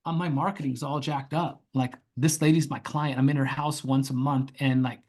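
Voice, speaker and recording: A man tells a story in a casual podcast interview, swearing freely and acting out the people he quotes. His telling is lively and loose, with plenty of asides. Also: mid-range voice, moderate pace. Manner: animated storyteller who acts out quoted voices, swears freely. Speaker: guest, pond construction company founder.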